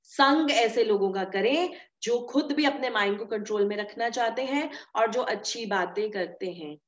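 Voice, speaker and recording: A woman's voice: fairly high pitch, moderate pace. A woman giving a devotional scripture talk, explaining with everyday examples, repeating key phrases and mixing English words into her speech. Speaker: scripture teacher. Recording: echoey room, dull lo-fi sound.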